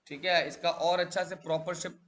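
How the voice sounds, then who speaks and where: A man's voice: on the high side, fairly even intonation, normal speed, a bit bright. A male teacher lecturing a class, drilling students with repeated questions and calling them beta.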